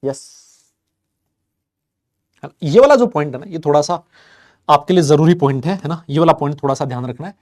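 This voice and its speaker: A young man teaching chemistry in an online exam-prep lecture, teasing his students, answering imagined questions himself and slowing down to read English definitions. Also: a little high, a little mellow.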